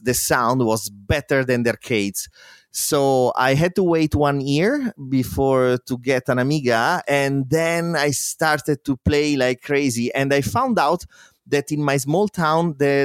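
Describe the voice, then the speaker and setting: A man's voice: medium pitch, no echo, clean studio sound. A man in his forties with an Italian accent, a guest telling stories in a casual interview, laughing often and restarting his sentences. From Italy. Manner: lively storyteller, laughs often, frequent fillers and restarts. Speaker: guest, musician and programmer.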